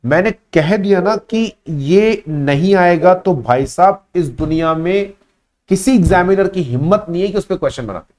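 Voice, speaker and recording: An adult man teaching a live online class, his voice sitting a little on the high side. He presses his points hard, says the same phrase two or three times for weight, and talks to his students in a warm, instructive way. He keeps up a steady lecture while taking their questions. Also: normal speed. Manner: emphatic, repeats key phrases, addresses students as beta.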